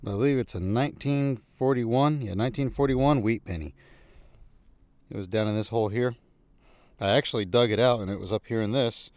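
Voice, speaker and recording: A vlogger on a treasure hunt in an old junkyard thinks aloud and muses in a folksy, casual narration. He has a brisk, mid-range voice with a darkish tone, and there is no echo.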